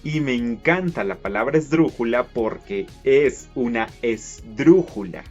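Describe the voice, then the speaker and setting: A man's voice: mid-range voice, expressive, unhurried, a little mellow, dull audio, soft background music. A man teaching casually, stretching words out syllable by syllable to show how they sound. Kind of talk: casual explainer lesson.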